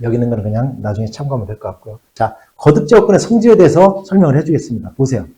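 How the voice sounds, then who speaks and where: Lively male math teacher. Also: medium pitch, racing, low-quality recording. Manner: keeps checking with students, repeats key words. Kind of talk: classroom math lecture.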